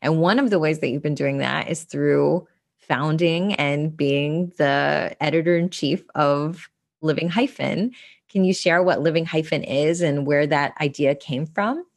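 Woman podcast host, low voice, encouraging, easygoing questions. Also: unhurried, vocal fry. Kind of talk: casual interview chat.

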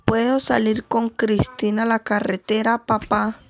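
A woman's voice: fairly high pitch, level tone, unhurried. A woman playing a cocky, defiant nine-year-old boy in a children's radio story. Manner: cocky, protesting.

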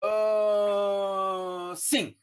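His voice sits high and smooth, with a level tone and drawn-out words. This middle-aged Brazilian philosophy professor, accented in Brazilian Portuguese, wanders through long casual digressions, now and then laughing or cursing. The studio-quality audio has no echo.

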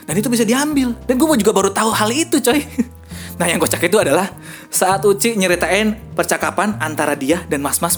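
Fast-talking young man telling stand-up stories. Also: fairly high pitch. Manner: animated, acts out dialogue in quick voices. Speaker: stand-up comedian. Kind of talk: stand-up storytelling.

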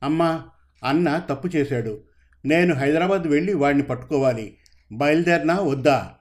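A man's voice: a little high, normal speed, natural voice. A man voicing a dutiful young police officer, earnest and determined in a spoken story. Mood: resolute.

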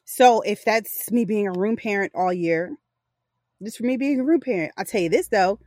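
A woman in her forties co-hosts a casual podcast, speaking in a mid-range, slightly mellow voice at a moderate pace. She's candid and rambling, often backing up to correct herself. Her voice sounds close and dry, with no room sound.

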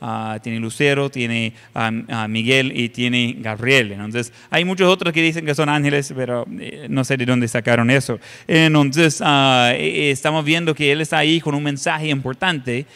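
A man's voice: medium pitch, a bit bright, clean tone. Man preaching in a reverberant hall. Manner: halting, conversational, many filler sounds. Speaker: pastor. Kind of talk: sermon with scripture reading.

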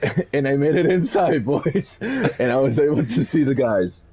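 A man from Puerto Rico co-hosting a podcast, telling stories in an animated, rambling way with quick laughs. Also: medium pitch, slightly rough, muffled recording. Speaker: podcast co-host. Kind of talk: casual chat.

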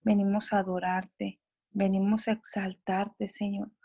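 A woman leading a soft, devout prayer. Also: mid-range voice, little pitch movement, a little slow, vocal fry, slightly rough, dry recording, muffled recording. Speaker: prayer leader.

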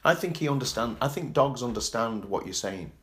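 A man co-hosting a casual chat who reacts quickly and muses out loud. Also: mid-range voice, expressive. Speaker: podcast co-host.

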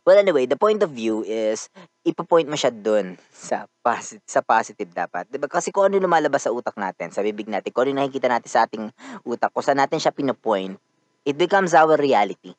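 A man with a Filipino accent giving a casual motivational talk, animated and often asking the listener to agree. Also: medium pitch, fairly quick, dry recording.

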